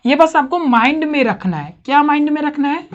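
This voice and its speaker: A woman's voice: high voice, expressive, fairly quick, muffled recording. A woman teaching a grammar lesson to a class, asking questions and checking understanding often.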